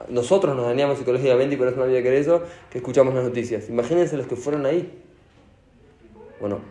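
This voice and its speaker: A man with an Argentine accent giving a sermon as a rabbi, animated and asking his audience questions. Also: medium pitch. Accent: Argentine Spanish. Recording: echoey room.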